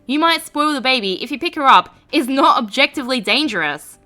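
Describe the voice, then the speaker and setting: Lively high-voiced woman reading stories. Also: a little fast, soft background music. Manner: expressive, sarcastic commentary. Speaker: narrator. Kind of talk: reading reddit stories aloud.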